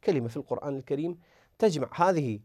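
A man's voice: a little high, animated, very fast, dark tone, no room sound, studio quality. A man teaching a tajweed lesson who speaks patiently, repeats words and drills the examples aloud. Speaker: Quran recitation teacher.

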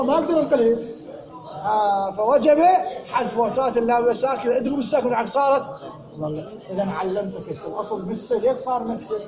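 Iraqi man, grammar teacher, very high voice, quizzing the class, echoey classroom, students audible. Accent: Iraqi Arabic. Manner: drills students with repeated questions. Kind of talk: Arabic grammar lesson to a class.

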